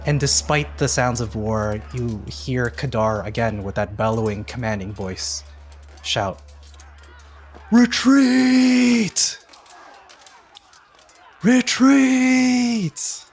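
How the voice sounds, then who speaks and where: A man narrating a tabletop game as game master, with many pauses and fillers. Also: fairly low pitch, fairly even intonation. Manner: hesitant, filler-heavy narration.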